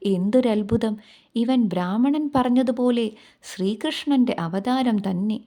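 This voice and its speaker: A woman voicing an excited village neighbor woman who marvels at a child in a devotional story. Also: on the high side, slow pace. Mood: marveling.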